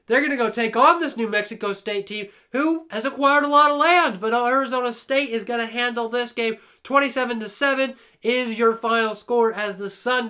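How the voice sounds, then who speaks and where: A young man calls a video game match play by play, his voice pitched very high and bright. He sounds hoarse from shouting and keeps the hype going while chatting to viewers like a friend. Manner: hyped, exclamatory, talks to viewers like a buddy. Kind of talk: excited play-by-play commentary.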